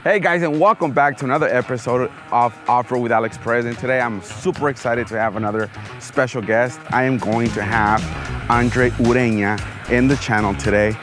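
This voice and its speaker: An energetic man hosts an interview, his talk easy and lively as he slips between English and Spanish. Music plays clearly behind him. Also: mid-range voice, a little fast. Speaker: host. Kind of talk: upbeat show intro and interview. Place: outdoors in a vehicle.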